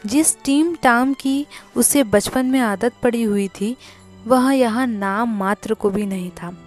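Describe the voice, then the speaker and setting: A woman narrating a classic short story as a storyteller, with a measured, deliberate reading. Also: on the high side, faint music behind.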